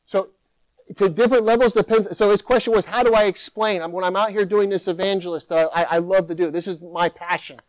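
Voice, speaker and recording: A middle-aged man, a keynote speaker, answering audience questions at a conference podium in an animated way, sometimes mimicking complaining users. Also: high voice, brisk, dry recording, rough recording. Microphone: podium microphone.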